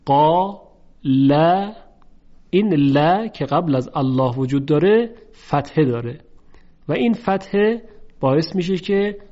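Male recitation teacher, measured and methodical, drawn-out chanted examples, somewhat higher voice, muffled lo-fi sound. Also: animated, a little mellow. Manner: slow, careful, repeats example words in drawn-out chanting. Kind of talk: tajweed lesson. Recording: dull lo-fi recording.

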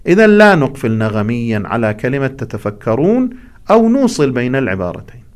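A man's voice: mid-range voice, sing-song, brisk, clear, resonant tone. A man teaching the rules of scripture recitation, explaining each point and breaking off to chant short examples.

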